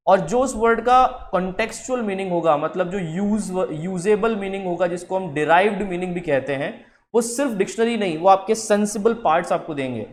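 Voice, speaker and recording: Guy teaching words, higher voice, slow on the bits, a bit of hiss. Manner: explains with slow drawn-out English words. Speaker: English teacher. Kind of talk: spoken English lesson.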